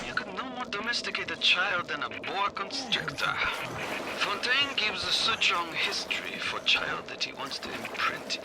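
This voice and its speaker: Dr. Suchong, abrasive scientist. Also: male voice, on the high side, background noise. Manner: clipped broken English, dropping articles and verbs. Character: abrasive, cynical, greedy male scientist dictating audio diaries. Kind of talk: video game acting, recorded diary monologue. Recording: music playing behind the voice.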